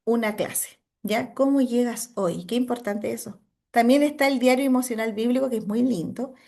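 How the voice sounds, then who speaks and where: A woman's voice: on the high side, darkish tone. A woman, a psychologist, giving a church training lesson to Sunday school teachers, explaining patiently and checking in with frequent tag questions.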